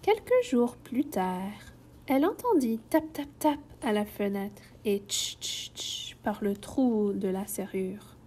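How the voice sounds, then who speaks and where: A woman reading a children's storybook aloud in a gentle, expressive way. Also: mid-range voice, slow pace, husky.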